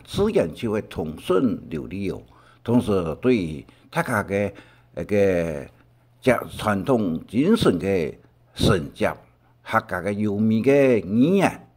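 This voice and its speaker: An older man with a Taiwanese Hakka accent talks through a recorded language lesson. His voice sits fairly low, but his pitch rises and falls in lively swings. He often stops and restarts as he explains. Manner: halting, with many pauses and restarts.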